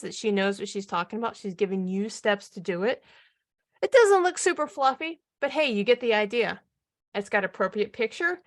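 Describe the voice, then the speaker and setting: A woman coaching a live online marketing training, energetic and upbeat, often firing questions at her audience. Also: fairly high pitch.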